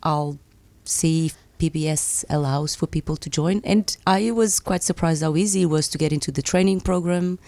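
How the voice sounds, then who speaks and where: A young woman from Portugal, a community radio presenter speaking as a guest in a thoughtful, measured way with small pauses. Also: low-pitched, a little mellow, no room sound. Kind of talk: radio interview. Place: radio studio.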